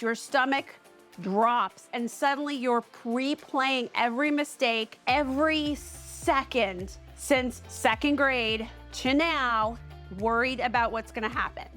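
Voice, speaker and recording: A woman's voice: sits high, fairly bright tone. A woman from Cape Cod with a Boston accent, hosting a chatty, emphatic talk straight to the camera. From Cape Cod, Massachusetts. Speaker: host. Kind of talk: casual direct-to-camera talk.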